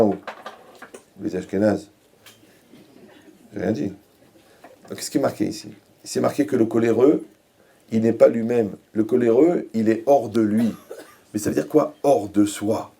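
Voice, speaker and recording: A man's voice: lowish voice, normal speed, vocal fry, long pauses, mellow, a little hiss or hum. A man giving a Torah lecture as a rabbi, mixing jokes with rhetorical questions to his audience. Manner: joking, asks rhetorical questions.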